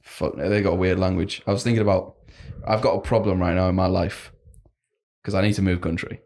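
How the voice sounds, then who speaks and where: A man's voice: low-pitched, fairly even intonation, a little fast, a little mellow. A young man co-hosting a casual podcast, laughing often and swearing freely. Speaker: podcast co-host. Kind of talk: casual banter.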